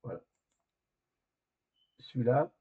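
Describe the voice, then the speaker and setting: Over a video call, a man teaches a Hebrew lesson in an online class, explaining hesitantly and repeating words as he goes. His voice is slow and narrow, with tinny audio.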